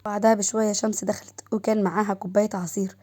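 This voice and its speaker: A woman with an Egyptian accent narrating a scripted story in a steady, even manner. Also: mid-range voice, very fast.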